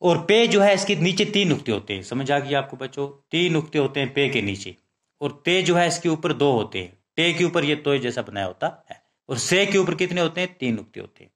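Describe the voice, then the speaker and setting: A man teaching young children the alphabet, reciting letters slowly and often checking that they understand. He speaks Urdu with a Pakistani accent. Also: on the high side, expressive. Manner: slow, drawn-out recitation with frequent check questions.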